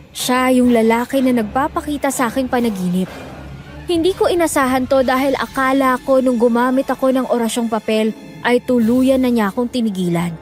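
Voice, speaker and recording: A woman narrating a horror story in a measured, grave manner. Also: a little high, a little mellow.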